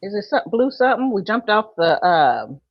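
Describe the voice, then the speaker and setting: A woman in her fifties chats through a casual hair-styling livestream. Her pitch bounces around a lot, and she laughs easily as she talks. The sound is dull and dry, close and without room echo. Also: big pitch swings, moderate pace. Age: 50s. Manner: chatty, laughs easily, reads out viewer comments. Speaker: host.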